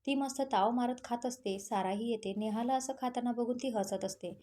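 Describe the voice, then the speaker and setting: A woman narrating a romantic story, reading in a steady, even way. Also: a little high, moderate pace.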